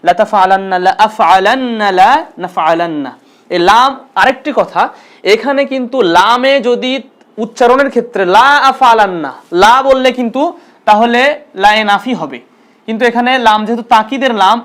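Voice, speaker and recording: A man teaching an Arabic grammar lesson, patiently repeating terms and asking and answering his own questions. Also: high-pitched.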